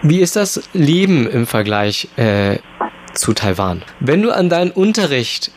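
A man's voice: medium pitch, sing-song, a little slow, background noise. Conversational male radio interviewer. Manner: friendly, conversational questioning.

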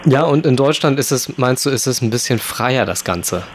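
A man's voice: medium pitch, lively intonation, moderate pace, a little hiss or hum. A man hosting a radio magazine, interviewing a student by phone and asking friendly, conversational questions.

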